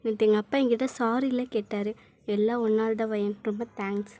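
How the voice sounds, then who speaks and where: Young man figure, calm teasing boyfriend, soft-spoken in a told story, voice sits high, as a woman puts him on. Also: fairly quick, natural voice. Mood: tender. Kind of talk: spoken fan-fiction storytelling.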